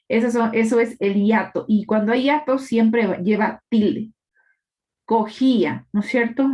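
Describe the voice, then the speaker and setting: A woman's voice: mid-range voice, darkish tone. A woman teacher giving a live online class, explaining patiently and often checking in with her students. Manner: explanatory, checks in with tag questions.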